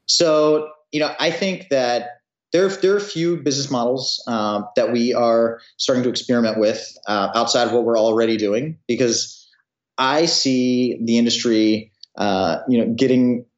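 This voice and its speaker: A man in his thirties, a company founder answering interview questions in a hesitant way, with many pauses. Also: medium pitch. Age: 30s. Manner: hesitant, full of fillers and restarts. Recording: roomy, dull audio.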